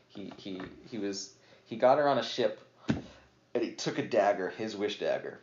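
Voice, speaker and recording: Man, low voice, rambling casual chat, lots of ums, slightly tipsy, roomy dull recording. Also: a little hiss or hum. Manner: rambling, filler-heavy, laughs often. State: a little tipsy. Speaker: podcast guest, game master. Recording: roomy, dull lo-fi podcast audio.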